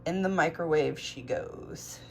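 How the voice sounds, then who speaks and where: A woman with a rough morning voice, chatting casually through a home kitchen cooking vlog. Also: low-pitched, a little slow, noisy background. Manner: relaxed, chatty, with fillers. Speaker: cooking vlogger.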